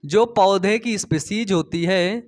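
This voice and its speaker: Chatty high-voiced young male teacher. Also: slow pace. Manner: chatty, storytelling, asks and answers his own questions. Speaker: biology teacher. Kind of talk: casual Hindi lecture.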